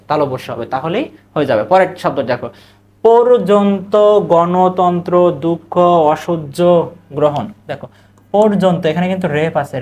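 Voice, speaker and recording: Male teacher, Bangladeshi Bengali accent, question-and-answer drilling, slow drawn-out model words, recorded exam-prep lesson. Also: fairly high pitch, darkish tone, a little hiss or hum. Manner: drills students with questions, then repeats the answers; stretches out model words slowly, syllable by syllable.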